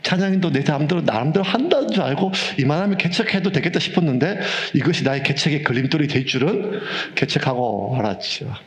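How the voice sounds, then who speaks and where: A man in his fifties, a pastor preaching a sermon with humorous, animated storytelling. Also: on the high side, quick pace, hardly any pauses, a little hiss or hum. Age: 50s.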